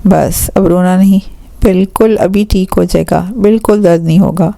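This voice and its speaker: A gentle, protective older brother comforting his sister with slow, tender words, read by a woman. The voice is warm and gravelly, recorded dry and close. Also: fairly low pitch, no room sound, poor audio. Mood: soothing.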